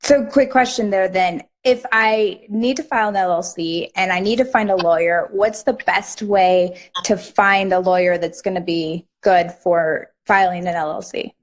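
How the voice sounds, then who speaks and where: A hoarse woman hosting a live online interview, chatty and summarizing her guest's points. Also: medium pitch, moderate pace, hardly any pauses. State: hoarse from a lost voice. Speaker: host. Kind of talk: live interview, asking questions. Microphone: online video stream.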